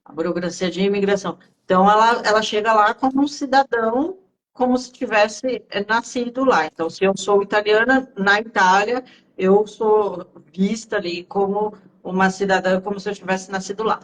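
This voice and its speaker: A woman, explaining things in a relaxed, conversational way on a live-stream Q&A, with frequent fillers. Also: medium pitch, moderate pace, a little hiss or hum, low-quality recording. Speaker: guest speaker on Italian citizenship. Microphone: remote live-stream call.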